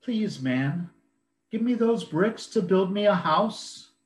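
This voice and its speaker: A man voicing a small, stubborn young male pig in a children's storybook reading, with high, emphatic refusals. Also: expressive, slow pace. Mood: plucky. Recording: roomy echo.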